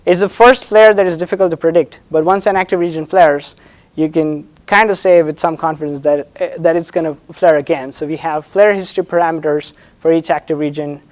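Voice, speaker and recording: A man presenting an academic thesis defense as a doctoral candidate, hesitant and halting, often repeating words and checking in with "right?". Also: a little high, fairly even intonation, darkish tone.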